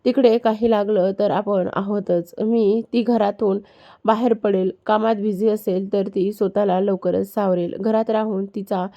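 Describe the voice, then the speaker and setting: A woman reading a storybook part as a calm, affectionate young elder brother who speaks gently and steadily. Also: medium pitch, measured pace, close to an everyday voice.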